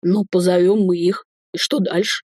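A woman's voice: fairly low pitch, steady tone, normal speed, a little mellow, husky, no room sound. A woman reading the part of a young male security guard, uneasy and practical, in a dry close recording.

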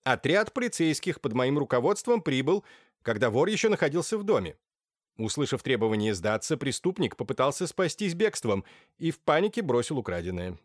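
A man's voice: medium pitch, very animated, fairly quick, no room sound, clean studio sound, voice pushed up, lightly acted. A man voicing an experienced, composed police inspector who reports in a clipped, businesslike way. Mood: matter-of-fact.

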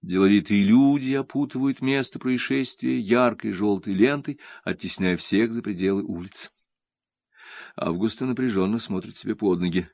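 A man reading an audiobook in a lively, theatrical manner. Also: lowish voice, normal speed, creaky, dry recording, studio quality. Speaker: audiobook reader. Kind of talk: expressive audiobook narration.

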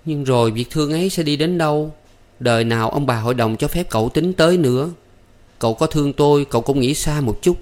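A man's voice: on the high side, fairly quick, a little mellow, voice pushed up, natural voice. A man reading a story aloud, voicing a shy, anxious young servant girl. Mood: worried. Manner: pleading, flustered, coy protests. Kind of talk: audiobook character voice.

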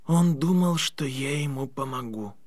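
A man's voice: medium pitch, a little slow, a little mellow, no echo, clean studio sound, natural voice. A man reading an audiobook, voicing a clever boy who speaks earnestly and at times strains his voice.

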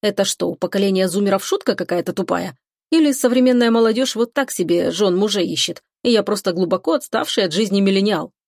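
A woman's voice: medium pitch, fast talker, creaky, darkish tone, dry recording, studio quality. A woman narrating a first-person novel as an audiobook, with a wry, mocking tone. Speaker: audiobook reader.

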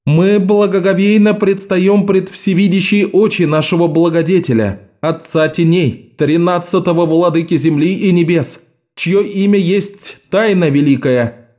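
A man voicing an exalted woman priestess who chants in a raised voice, at times slow. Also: high-pitched, mellow, pitched above the performer's own voice. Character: ecstatic woman priestess of the shadow god.

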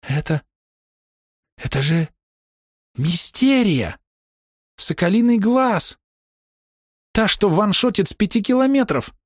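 A man's voice: on the high side, animated, darkish tone, no echo, studio quality, voice pushed up. A man reading an audiobook, voicing a starstruck young male gamer who gushes in awe. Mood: awed. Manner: gushing with awe, slow and drawn out.

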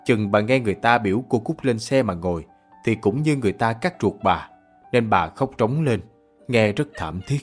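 A man narrating a radio drama in an even storytelling manner. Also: lowish voice, moderate pace, soft background music.

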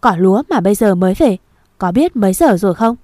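A woman's voice: medium pitch, lively intonation, fast talker, no echo, clean studio sound, natural voice. A woman voicing a furious scolding father. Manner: shouting, scolding, threatening. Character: harsh angry village father, middle-aged man.

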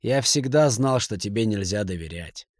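A man's voice: fairly low pitch, animated, normal speed, no room sound. A spiteful, jittery banker who snaps his lines with tense edges, as a male reader voices him close to his own voice. The recording is dry and close-miked, as in a studio audiobook.

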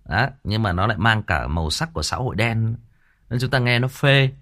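A Vietnamese man who narrates audiobooks and hosts a story channel chats casually with viewers about a story in a livestream. His voice is lowish, animated, a little fast, and fairly bright. He rambles, often repeating words while searching for the next one.

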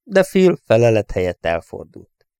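A man calmly narrating a novel as an audiobook reader, in an even reading manner. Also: on the low side, clear, resonant tone, no echo, clean studio sound.

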